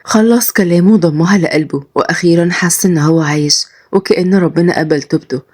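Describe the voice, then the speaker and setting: A woman narrating a romance story in a brisk, dramatic way with an Egyptian Arabic accent. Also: lowish voice, a little mellow.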